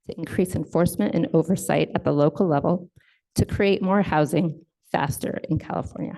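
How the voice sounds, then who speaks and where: A woman from the state housing enforcement staff presents at a conference from slides, explaining things in a measured way with fillers and self-corrections. Her voice sits low and sounds gravelly and dark.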